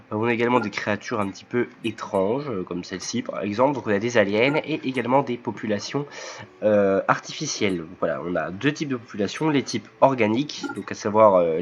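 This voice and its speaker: A man with a cold hosting his first game let's play video, talking hesitantly with many filler pauses as he explains the game. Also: on the low side, lo-fi sound. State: sick, voice cracking. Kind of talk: game commentary. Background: faint game music.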